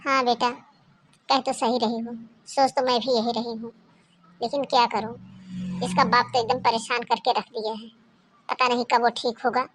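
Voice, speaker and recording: A woman voicing a scolding, greedy middle-aged mother-in-law in a cartoon, talking in a sharp, nagging, taunting way. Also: fairly high pitch, level tone, moderate pace, long pauses, a little hiss or hum, close to an everyday voice. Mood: worried. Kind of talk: Hindi cartoon voice acting.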